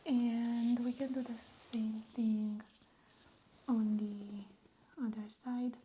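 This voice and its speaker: A woman whispers through a calm medical exam roleplay. Her voice is soft, breathy and mellow, slightly high, and she moves slowly and reassuringly. A faint hiss sits under the close-mic recording. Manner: slow, gentle and reassuring. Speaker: ASMR roleplay nurse.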